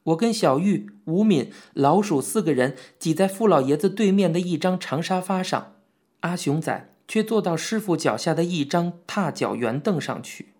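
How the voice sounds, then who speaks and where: A man reading a novel aloud as an audiobook narrator, in a measured, even storytelling manner. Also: on the high side. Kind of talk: scripted narration.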